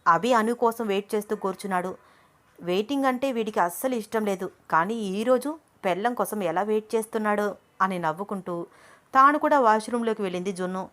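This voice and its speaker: A female storyteller reading a romance aloud with expressive, scripted narration. Her voice sits at a middle pitch and carries the plot along steadily. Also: quick pace.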